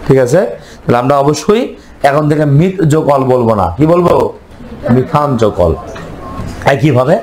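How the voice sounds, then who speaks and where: A man's voice: mid-range voice, slight background noise, rough recording. A man teaching chemistry, quizzing his students and answering his own questions. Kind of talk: classroom lecture.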